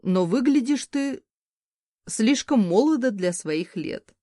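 A woman voicing a calm, teasing mage husband. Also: a little high, no room sound, clean studio sound. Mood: probing. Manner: soft, calm and measured.

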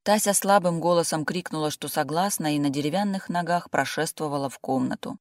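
An audiobook reader narrating a comic story with lively, ironic delivery. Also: mid-range voice, brisk, no room sound, studio quality. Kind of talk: scripted narration.

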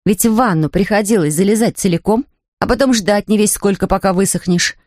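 A woman reading a children's storybook aloud in a lively, expressive way and voicing the characters. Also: medium pitch, a little fast, dry recording, clean studio sound. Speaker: audiobook narrator. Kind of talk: scripted storybook narration.

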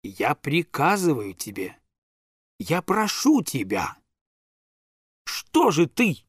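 A man voicing a stern old countess grandmother who speaks slowly and with command, in a dry, close recording. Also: a little high, huge pitch swings, breathy edge, no room sound, heavily acted. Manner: slow, commanding, reproachful.

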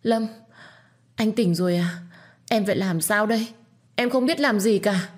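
A woman's voice: on the low side, normal speed, dark tone, breathy edge. A woman voicing a young woman who pleads through tears over someone she loves. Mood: desperate pleading. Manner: pleading, tearful. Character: young woman, frantic and devoted.

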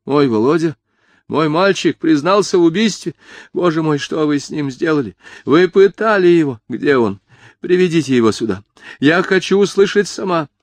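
A man's voice: expressive, normal speed, dry recording, close to an everyday voice. A man voicing a hysterical middle-aged mother who wails and shrieks on one note. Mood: indignant. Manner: shrill, wailing, on one note.

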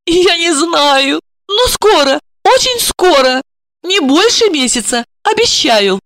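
A woman's voice: sing-song, slow pace, a bit bright, exaggerated voice. A woman reading an audiobook and voicing a young émigré woman who pleads anxiously and tearfully. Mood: pleading. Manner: high, anxious, imploring.

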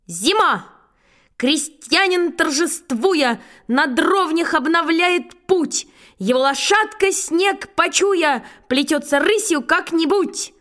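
A woman voicing a cheeky young schoolboy who bluffs loudly and declaims in a drawn-out sing-song. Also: extremely high pitch, animated, voice pushed up, exaggerated voice. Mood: declaiming.

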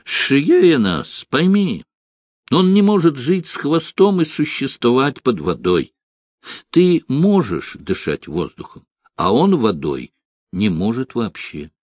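A man doing a shrill, sulky siren woman. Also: very animated, slow pace, no room sound. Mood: pleading. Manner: shrill, whiny and indignant. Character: sulky female siren, vain and demanding.

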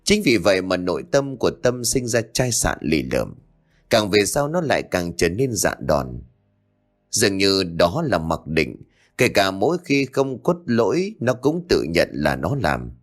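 Deep-voiced man narrating a ghost story. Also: a little slow. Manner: dramatic, expressive reading. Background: faint background music.

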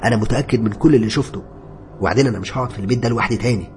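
A man's voice: on the low side, rapid-fire, darkish tone, faint music behind, pitched above the performer's own voice, close to an everyday voice. A man voicing a scared, insistent young Egyptian. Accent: Egyptian Arabic. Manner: pleading, insistent. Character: frightened young male coworker insisting he saw a ghost.

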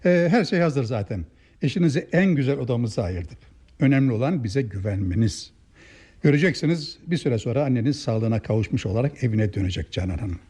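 An actor playing a courteous male clinic doctor in old radio theatre style, formal, measured and reassuring. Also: mid-range voice, animated, dark tone, husky.

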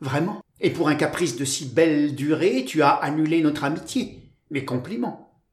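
Proud cool young woman, curt, disdainful, slightly high, echoey room, as a male narrator puts her on. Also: moderate pace, natural voice.

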